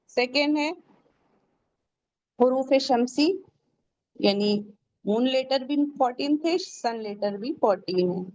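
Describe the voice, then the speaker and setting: Slow, careful woman teaching recitation. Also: fairly high pitch, a little mellow, no room sound, lo-fi sound. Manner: explains step by step, asks questions and answers them herself; slows down to pronounce Arabic words carefully. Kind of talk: tajweed lesson.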